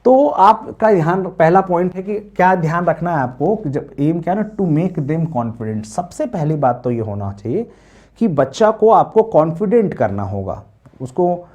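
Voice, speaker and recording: A man's voice: sits high, big pitch swings, normal speed, darkish tone, lo-fi sound. A young man, lecturing as a teacher preparing students for a teaching exam, asking questions and answering them himself.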